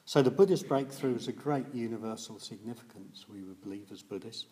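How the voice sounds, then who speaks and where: A man's voice: lowish voice, fairly quick, dark tone. A man giving a reflective Buddhist dharma talk, hesitant and thoughtful, with many fillers. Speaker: Buddhist teacher.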